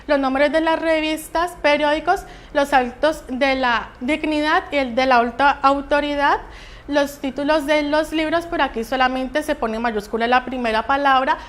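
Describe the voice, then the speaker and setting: High-voiced young woman giving a class talk. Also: steady tone. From Colombia. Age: young adult. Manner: halting, with restarts and fillers while explaining. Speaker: student presenter. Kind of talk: class presentation.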